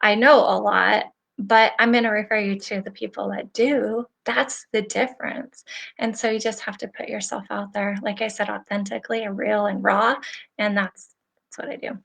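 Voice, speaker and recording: A woman's voice: mid-range voice, normal speed, gravelly. Chatty, earnest middle-aged woman. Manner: earnest and chatty, speaking directly to viewers; animated, with frequent laughter. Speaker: host of a live stream for nail professionals. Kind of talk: casual motivational live-stream talk.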